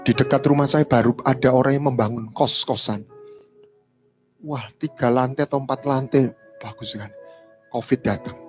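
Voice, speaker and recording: A male pastor preaching a sermon, telling stories in a voice that swings from loud to hushed. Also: medium pitch, steady tone, normal speed, long pauses, faint music behind.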